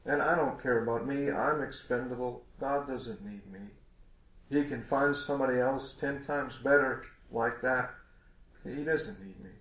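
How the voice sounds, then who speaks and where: A man's voice: mid-range voice, fairly even intonation, measured pace, fairly bright tone, reverberant. A congested man preaching a sermon in a folksy, rambling way with many restarts.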